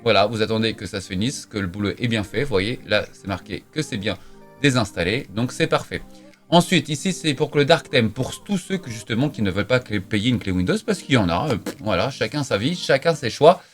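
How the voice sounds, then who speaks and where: A man's voice: on the low side, animated, a little fast, soft background music. A man giving a casual screen-recorded tech tutorial, chatty and emphatic, with frequent filler words like "voilà" and "donc". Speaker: tech youtuber.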